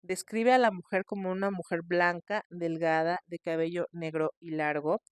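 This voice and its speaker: A woman hosting a podcast, telling a scary case in a chatty, expressive way. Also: lowish voice, moderate pace, clear, resonant tone, no echo, clean studio sound. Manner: chatty, expressive, shrieks in mock fright. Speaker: podcast host. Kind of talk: casual storytelling.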